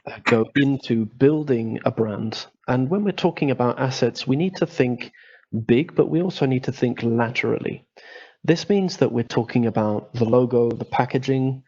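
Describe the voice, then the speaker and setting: A man moderating a workshop who sums up the speaker's points in a measured way. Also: mid-range voice, a little mellow. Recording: dull lo-fi audio.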